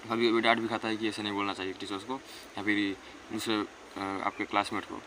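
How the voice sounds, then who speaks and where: A man's voice: fairly low pitch, flat delivery, quick pace, background noise. A teenage boy giving earnest, rambling self-improvement advice in a casual monologue. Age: teens. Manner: earnest, rambling, repeats himself.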